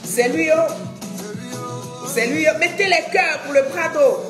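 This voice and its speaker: Effusive woman live-streamer with a high voice. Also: a little slow. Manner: effusive, chatty, breaks into chanted refrains. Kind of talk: casual live-stream chat greeting viewers. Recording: roomy echo with faint music behind.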